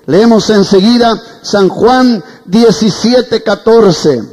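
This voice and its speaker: A male pastor delivers a fervent sermon in a very high voice. He keeps calling on the congregation for an amen. His words ring out with the long reverb of a hall. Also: takes it slowly, a little mellow. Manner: preaching fervently, asks for amens.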